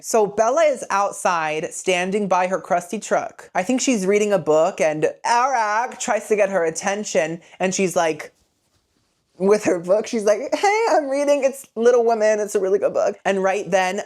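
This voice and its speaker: A woman hosting a comedic movie retelling podcast, full of sassy, rambling asides. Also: fairly low pitch. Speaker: host.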